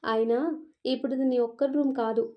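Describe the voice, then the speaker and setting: Cheeky young wife in a story, read by a woman, quarrelsome, higher voice, muffled recording. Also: fairly even intonation, brisk, close to an everyday voice. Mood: sassy. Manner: sassy, retorting. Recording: dull lo-fi recording.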